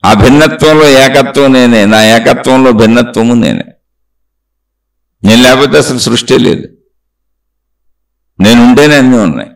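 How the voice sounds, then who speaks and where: A male spiritual teacher speaks in a mid-range voice, neither high nor low. He builds his discourse from long rhythmic chains of repeated phrases. He keeps turning to the listener with rhetorical questions. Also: animated, moderate pace, vocal fry, pauses often, rough recording.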